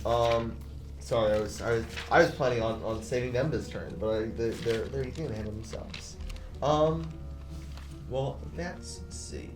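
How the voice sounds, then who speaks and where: Man, player, tabletop game, halting, restarts, roomy, music. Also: medium pitch, far from the mic.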